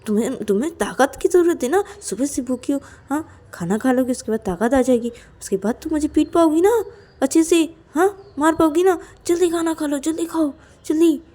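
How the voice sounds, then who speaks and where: A woman's voice: sits high, moderate pace, mellow, pitched above the performer's own voice, lightly acted. A woman voicing a young woman who pleads with her lover to eat, repeating her words over and over. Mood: urging.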